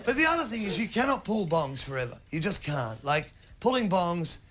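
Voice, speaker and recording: A middle-aged man doing stand-up, telling a rambling story with sudden shouted bits, recorded live on stage. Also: high-pitched, sing-song, fairly quick. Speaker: stand-up comedian. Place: comedy stage before an audience.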